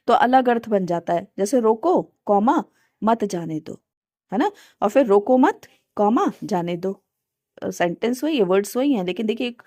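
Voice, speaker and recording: A woman's voice: a little high, a little mellow, no room sound, studio quality. A woman teacher educator with an Indian Hindi accent, explaining teaching skills in a casual spoken lesson, with many fillers and English terms mixed in.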